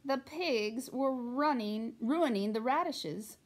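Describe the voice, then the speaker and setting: A woman reading a children's picture book aloud in an expressive, animated way. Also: fairly high pitch, takes it slowly. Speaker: storytime reader.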